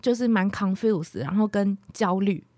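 A woman, a podcast guest telling candid stories in a frank, blunt, animated way. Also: medium pitch, moderate pace, no echo. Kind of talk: candid storytelling in conversation.

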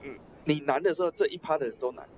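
A man with a Taiwanese Mandarin accent explains things in a casual educational discussion, emphatic and repeating himself to drive points home. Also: quick pace. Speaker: podcast co-host explaining exams. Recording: noisy with low rumble.

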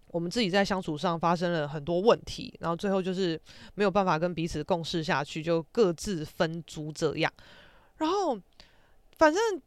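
A woman's voice: on the low side, clear, resonant tone, no room sound. A young woman with a Taiwanese Mandarin accent, hosting a podcast and ranting animatedly in casual storytelling, with some casual swearing. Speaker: podcast host.

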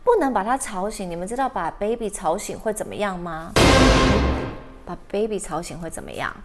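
A woman teacher telling a story to children, animated and drawing out her words while asking the listeners questions. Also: mid-range voice.

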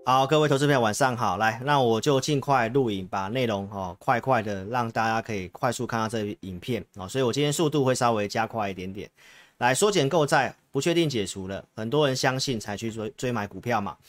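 A man's voice: mid-range voice, brisk. A man with a Taiwanese Mandarin accent hosts an investment show, giving market commentary in an emphatic, repetitive way and addressing viewers directly. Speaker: investment advisory show host, analyst. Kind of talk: stock market commentary to camera.

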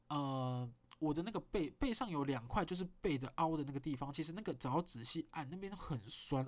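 Here the podcast host, whose voice sits on the high side, tells a story with a Taiwanese Mandarin accent. It's a casual, animated monologue peppered with blunt swearing.

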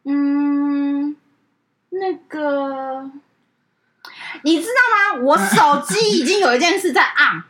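High-voiced animated woman telling a story. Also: slow pace. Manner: animated, acts out both sides of a phone call. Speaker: podcast co-host. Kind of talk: casual storytelling chat.

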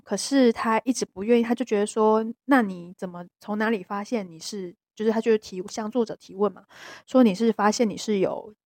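A soft-voiced woman with a Taiwanese Mandarin accent co-hosts a podcast, chatting casually but hesitantly, restarting often and letting her words trail off. Her pitch is medium, and the studio-quality recording has no echo.

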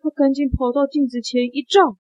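A woman telling an improvised children's story with a child, taking turns in a lively and playful way. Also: high-pitched, moderate pace.

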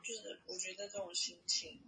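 A thoughtful podcast co-host heard over a telephone line. The voice is very husky and breathy, with plenty of creak and a bright, tense edge. The talk is casual and analytical, working through opinions aloud. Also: medium pitch, fairly even intonation, brisk. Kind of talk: casual conversational discussion of a comic. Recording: recorded over a phone call.

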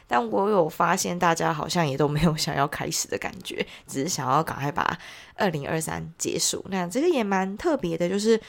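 A woman's voice: on the low side, animated, a little fast, vocal fry. A woman with a Taiwanese accent and a nasal, congested voice from a heavy cold, chatting casually as the host of a solo audio diary. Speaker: podcast host, entrepreneur.

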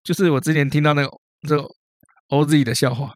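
A man's voice: fairly high pitch, steady tone, fast, dry recording, studio quality. A man co-hosting a podcast in casual, jokey chat, often slipping into silly voices. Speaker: podcast co-host.

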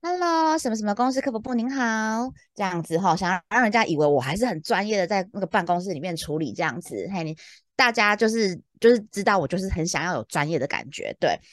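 Woman, young, casual storytelling, animated, acts out dialogue, lively pitch, dry close mic. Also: fast talker, no room sound. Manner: animated, laughing, acts out the dialogue she retells. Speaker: podcast co-host.

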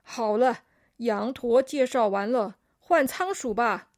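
A woman's voice: a little high, slow, darkish tone, no echo, clean studio sound. A woman voicing a weary, polite male chameleon who sighs and gives in, in a children's story. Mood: resigned. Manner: sighing, resigned.

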